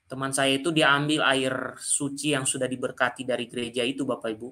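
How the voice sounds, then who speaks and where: A man's voice: mid-range voice, little pitch movement, a little fast, bright, forceful tone. A man telling a personal story to his viewers as a channel commentator, often speaking directly to the audience. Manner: addresses listeners directly and often.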